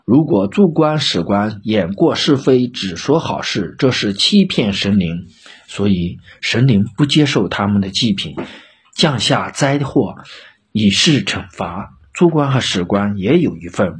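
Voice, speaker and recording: A man's voice: fairly low pitch, lively intonation, slightly rough, exaggerated voice. A man voicing a shrewd, stern old chancellor. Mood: measured. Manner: measured, admonishing.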